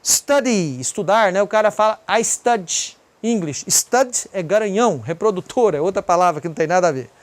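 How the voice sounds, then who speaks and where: A teacher with a Brazilian Portuguese accent walks through a pronunciation lesson at an even middle pitch. Example words are repeated slowly and pointed out one by one, in a patient, explanatory way. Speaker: English teacher.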